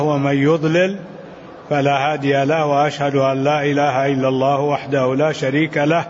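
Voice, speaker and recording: An older man teaching a scholarly lesson, reading texts aloud and explaining them in a measured way, chanting the quotations in a lilt. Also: on the high side, big-room sound. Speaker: sheikh teaching a commentary. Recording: dull, lo-fi recording with faint noise.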